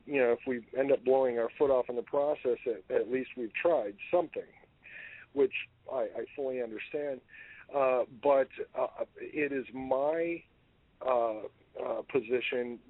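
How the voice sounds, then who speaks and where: A male talk-radio co-host speaking casually, his thoughts coming out in halting bursts full of fillers and restarts. His voice sits at an ordinary middle pitch. It comes through a tinny, narrow phone line. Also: no room sound.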